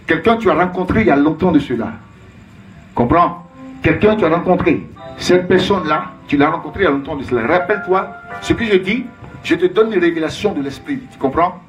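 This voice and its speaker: A man's voice: fairly high pitch, animated, a little fast, faint music behind. A man preaching as a prophet, emphatic and repetitive, calling out names and Alléluia in call-and-response.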